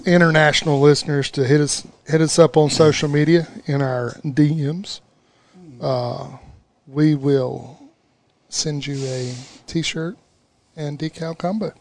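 A man's voice: a little high, fairly even intonation, measured pace, darkish tone. A man with a Southern US accent co-hosting a casual podcast, upbeat, often restarting his sentences. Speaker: podcast co-host.

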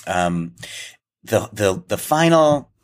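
A man's voice: lowish voice, sing-song, takes it slowly. A man co-hosting a podcast, talking thoughtfully and analytically. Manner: thoughtful, analytical chat with restarts. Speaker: podcast co-host. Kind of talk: casual podcast discussion.

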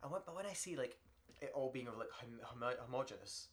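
A man's voice: mid-range voice, animated, fast. A man hosting a casual podcast chat, rambling with fillers and frequent laughs. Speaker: podcast host.

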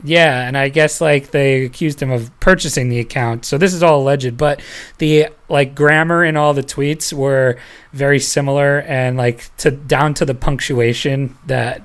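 A podcast host chats loosely with the panel, rambling between stories and laughing often. The voice sits at a middling pitch. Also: steady tone, moderate pace. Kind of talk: casual panel chat.

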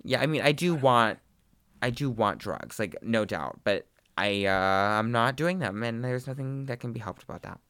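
A man with heavy vocal fry and a camp, effeminate delivery, chatting casually as a podcast co-host. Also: mid-range voice, animated, normal speed, fairly bright tone, dry recording, clean studio sound. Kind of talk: casual chat.

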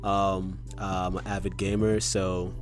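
A man's voice: sits low, takes it slowly, faint music behind. A man co-hosting a podcast, chatting casually about money and investing, with lots of "um" and "like". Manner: relaxed, filler-heavy talk about investing. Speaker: podcast co-host.

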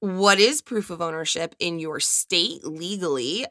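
Bright-voiced American woman with vocal fry. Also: lowish voice, animated, measured pace, no echo, studio quality. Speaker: podcast co-host, veterinary technician. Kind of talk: casual podcast chat.

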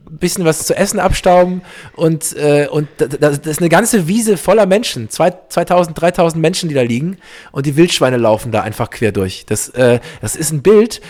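A man's voice: a little high, expressive, moderate pace, darkish tone. A man hosting a casual podcast, talking loosely with many fillers and restarts. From East Belgium. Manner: chatty, many fillers and restarts, laughs easily. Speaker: podcast host. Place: podcast setup, Berlin.

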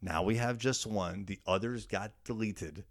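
Low-pitched man, emphatic business talk. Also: unhurried. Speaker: business podcast host, company co-founder. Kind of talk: solo business talk, coaching-like explanation.

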